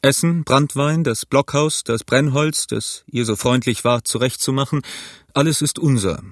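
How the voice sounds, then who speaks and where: A sly old pirate cook speaks in an amiable, easygoing tone that never quite hides the threat behind it, as a man reads him. The voice sits at an ordinary middle pitch. It is recorded close and dry for an audiobook. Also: normal speed, no echo, close to an everyday voice. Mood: genial. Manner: smooth, amiable tone masking menace. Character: cunning, genial old male pirate cook.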